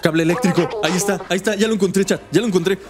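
Young guy, playful gameplay commentary, slangy jokes, fairly high voice, music underneath. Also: very fast. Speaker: gaming youtuber.

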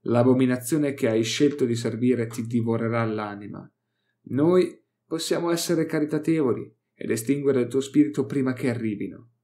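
A man's voice: medium pitch, moderate pace, warm tone, close to an everyday voice. Man doing a tense, worried inquisitor. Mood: grim. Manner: tense, stammering at times. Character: worried, stern male inquisitor companion.

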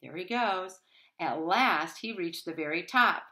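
In a small wood-panelled room at home, a middle-aged woman reads a picture book to young children with dramatic flair. Her lowish voice is animated, bright, and forceful, and she reads a little slowly.

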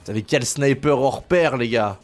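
A man's voice: medium pitch, unhurried, soft background music. A man streaming a shooter game, joking with his chat in casual commentary, making sound effects and slipping into mock English. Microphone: gaming headset.

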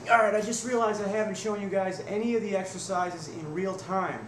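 A fitness vlogger in his twenties films a home workout in a small room, talking casually and bluntly, swearing now and then, and straining and grunting through reps. His voice sits high, steady, fairly quick and a bit bright. The webcam sits at desk distance, so the audio is echoey and noisy.

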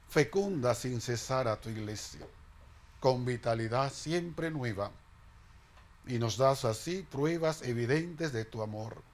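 A middle-aged man, a priest leading liturgical prayers at Mass in a small chapel, intoning slowly and solemnly. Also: mid-range voice.

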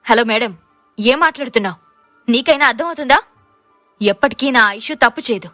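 A woman's voice: fairly high pitch, a little fast, pushed and bright, dry recording, faint music behind. A woman playing a fierce proud young husband. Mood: scolding. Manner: challenging, snapping.

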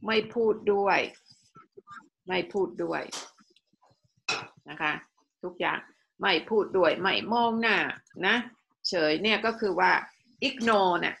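Slow bright-voiced woman teacher. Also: mid-range voice, vocal fry, a little hiss or hum, rough recording. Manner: slow, drawn-out explaining with frequent polite sentence particles. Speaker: English teacher. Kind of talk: classroom language lesson with choral repetition.

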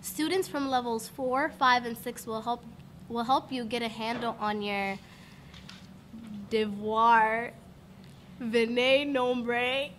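A woman's voice: fairly high pitch, steady tone, moderate pace, a bit bright, a little hiss or hum. A teenage girl anchoring scripted school announcements, bantering and lightly wry. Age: teens.

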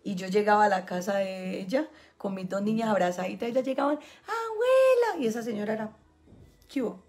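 A woman's voice: mid-range voice, fairly even intonation, quick pace, darkish tone. A woman with a Medellín Colombian accent, telling a personal story to her online audience in a chatty way and laughing often. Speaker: spiritual healing coach.

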